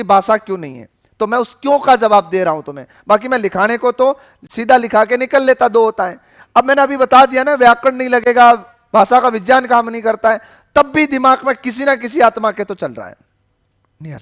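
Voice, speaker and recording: High-voiced teacher lecturing a class. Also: male voice, a bit bright. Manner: joking, questioning; repeats questions to the class.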